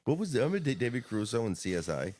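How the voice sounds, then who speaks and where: A man's voice: medium pitch, sing-song, very fast, darkish tone. A man co-hosting a podcast, chatting casually and rambling, often calling his friend "bro". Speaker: podcast co-host. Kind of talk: casual chat.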